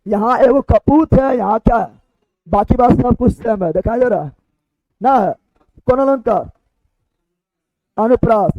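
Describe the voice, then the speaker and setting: A man teaching a lesson at a board. He keeps asking questions and answering them himself, and slows right down to read verse lines. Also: extremely high pitch, no room sound. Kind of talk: blackboard grammar lesson. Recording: dry, dull lo-fi sound.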